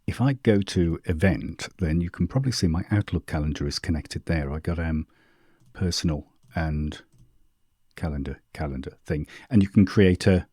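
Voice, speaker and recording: A man hosting a casual question-and-answer video, chatting informally and thinking aloud while he demonstrates software. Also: sits low, husky, no room sound, studio quality. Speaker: host answering viewer questions. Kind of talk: casual screen-share walkthrough.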